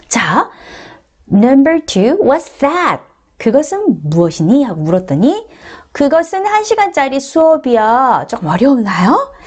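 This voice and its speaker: Brief: middle-aged Korean woman, encouraging English tutor, fairly high voice, stretches words out for drills. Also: a little mellow. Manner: addresses viewers often, coaxing and encouraging. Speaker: English teacher. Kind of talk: beginner English grammar lesson.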